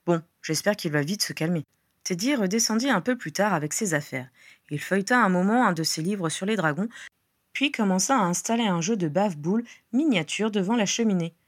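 A woman's voice: mid-range voice, lively intonation, brisk, no echo. Woman reading a story aloud, dry and close. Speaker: audiobook reader. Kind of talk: scripted narration.

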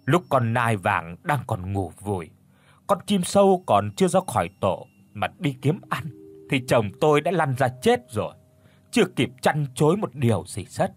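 A man voicing a hoarse grieving widow. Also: medium pitch, very animated, normal speed. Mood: weary. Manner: weary, sobbing pleas. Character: grief-stricken middle-aged village widow.

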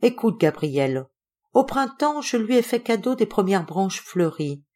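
A woman's voice: mid-range voice, very animated, unhurried, a little mellow, voice pushed up. A woman reading an audiobook voices a sorrowful, lovesick male ape-man, speaking sadly and tenderly. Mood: mournful. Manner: sad, tender and plaintive.

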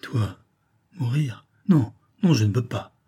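A man reading a novel aloud, voicing a tormented, vengeful banker father who shouts and falters. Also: on the low side, normal speed. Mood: shaken. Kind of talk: audiobook character reading.

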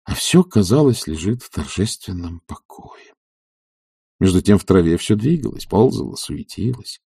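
A man narrating a classic novel, reading with theatrical expression and a lively, wide-ranging pitch. His voice is mellow and husky. The recording is close and dry. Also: moderate pace, no room sound. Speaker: audiobook narrator.

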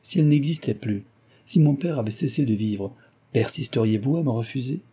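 Ardent young man, read by a man, pleading, impassioned, husky. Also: medium pitch, animated, fairly quick, warm tone, pitched above the performer's own voice.

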